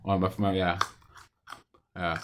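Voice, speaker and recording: Casting: young adult male vlogger, lower-pitched, casual and hesitant, loops back over his own phrases. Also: little pitch movement, measured pace, background noise. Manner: hesitant, repetitive, with trailing thoughts. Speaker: video diarist. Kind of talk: casual rambling monologue to camera.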